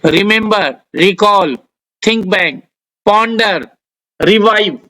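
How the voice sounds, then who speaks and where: A man with an Indian accent, teaching a vocabulary lesson, dictating word lists slowly and carefully. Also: high voice, sharp tone, low-quality recording. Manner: dictates word lists slowly, spells out English example sentences. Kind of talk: slow, deliberate vocabulary lesson.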